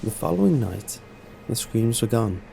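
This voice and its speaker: A man narrating a scripted first-person story in a measured, serious way. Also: medium pitch, very animated, creaky, dark tone, slight background noise.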